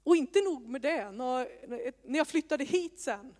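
A fairly high-pitched woman in her thirties gives a sermon woven with personal stories. She talks to the congregation in a conversational way and pokes fun at herself. Her voice rings out in a church hall with a long reverb. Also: expressive, darkish tone. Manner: conversational, self-mocking asides. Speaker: preacher.

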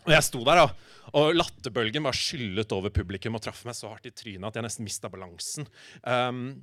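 A man telling a humorous personal anecdote in a halting, animated way, full of filler sounds and acted-out quotes. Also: medium pitch, dry recording. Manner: acts out quoted lines in shifting voices.

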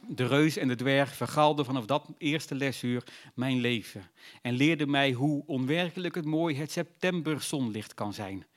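A man narrating a literary novel in a measured, reflective storytelling voice. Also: medium pitch.

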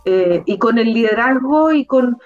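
A middle-aged Chilean woman from the south of the country, a university rector, talking in an interview with an animated, emphatic manner and frequent fillers. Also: fairly high pitch, a little slow, muffled recording, soft background music. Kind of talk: conversational interview.

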